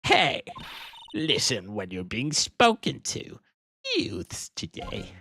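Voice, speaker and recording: A man putting on a shrill, cranky old security lady. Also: huge pitch swings, takes it slowly, vocal fry, sharp tone, exaggerated voice. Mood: scolding. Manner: scolding, rambling, shrill. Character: cranky older female studio security guard. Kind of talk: fan dub of a video game. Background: music.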